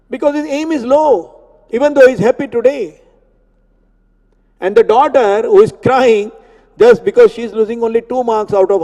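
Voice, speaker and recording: A man giving a spiritual discourse on scripture, explaining Sanskrit words slowly and repeating terms. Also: very high voice, mellow. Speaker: Gita teacher. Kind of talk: religious discourse. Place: temple hall. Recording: long hall reverb.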